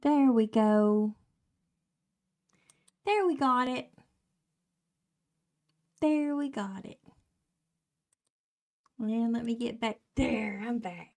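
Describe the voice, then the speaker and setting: Woman livestream host, high voice, gravelly edge, warmly greets viewers as darling. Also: very slow, pauses often. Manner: affectionate, calls viewers darling and y'all. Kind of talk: casual chat greeting viewers.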